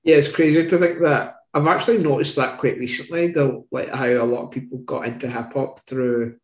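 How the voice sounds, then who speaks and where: A man's voice: medium pitch, fairly even intonation, fairly quick. A male podcast host chiming in with easygoing, agreeable remarks. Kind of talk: casual podcast chat. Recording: roomy echo.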